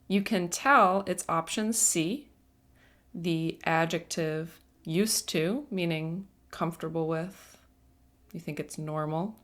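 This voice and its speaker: A woman teaching an English grammar lesson, speaking patiently and deliberately and stressing each word. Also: lowish voice, a bit bright. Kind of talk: slow, careful grammar lesson.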